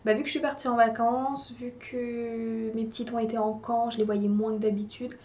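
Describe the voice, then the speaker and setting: A woman's voice: fairly high pitch, little pitch movement, normal speed, darkish tone. A young woman from France giving a casual monthly update to her viewers, chatty and full of hesitations and restarts. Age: young adult. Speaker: vlogger.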